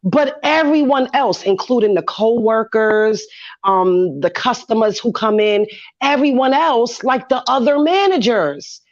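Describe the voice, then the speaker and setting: Dull lo-fi audio, woman, New York accent, higher pitch, emphatic, repetitive phrasing, heated casual talk. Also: animated, a little slow. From Brooklyn, New York. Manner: emphatic, repeats phrases for effect. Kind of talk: heated casual group discussion.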